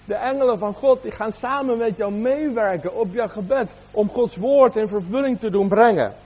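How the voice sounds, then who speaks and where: A man's voice: high-pitched, moderate pace, a little mellow, breathy edge, rough recording. A man preaching a sermon, asking the congregation questions, with a slight cough.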